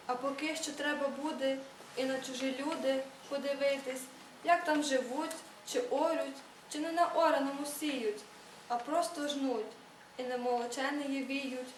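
A woman reading aloud speaks as an old Cossack father, giving steady instruction. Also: high voice, moderate pace, a little hiss or hum, natural voice. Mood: advising. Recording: echoey room, read from far off.

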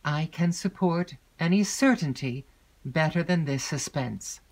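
A woman's voice: low-pitched, expressive, measured pace, dark tone, full character voice. A woman voicing a frightened young noblewoman in an audiobook, speaking eagerly and urgently. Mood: pleading. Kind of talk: audiobook character reading.

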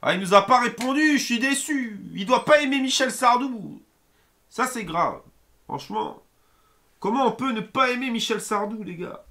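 A man doing loud, excitable live commentary on a football video game, with frequent outbursts and swearing. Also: extremely high pitch, moderate pace. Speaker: gaming streamer. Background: music playing.

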